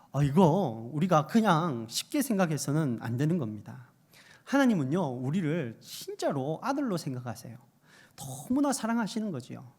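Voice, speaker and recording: A man's voice: high-pitched, a little mellow. A man preaching a sermon as a pastor, asking his listeners rhetorical questions and driving points home by repeating phrases. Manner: builds emphasis by repeating phrases.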